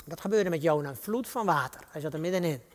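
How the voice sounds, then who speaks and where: A higher-voiced man with a Dutch accent delivers a sermon. He slows down for scripture and lets the quotes climb dramatically. The church hall adds a long reverb to every phrase. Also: expressive. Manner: reads scripture quotes with slow dramatic rises. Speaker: preacher.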